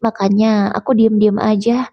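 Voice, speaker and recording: A woman's voice: mid-range voice, level tone, normal speed, no echo, dull audio, close to an everyday voice. A woman voicing a heartbroken young wife whose voice trembles near tears. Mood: hurt.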